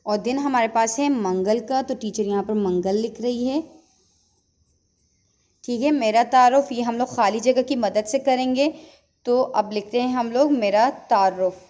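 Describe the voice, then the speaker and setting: A woman teacher leads an online writing lesson for young children, speaking patiently and checking in with them often. Her voice sits a little high. The recording sounds dull and lo-fi. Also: mellow. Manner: patient, slow teacher talk with repeated checks.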